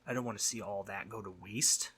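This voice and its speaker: A man's husky, conversational roleplay monologue casts him as a sleep demon, mischievous but concerned, earnest and teasing, occasionally breathy and near-whispering. His fairly low pitch holds a steady tone at a brisk pace, pushed and bright. He sounds fond and insistent.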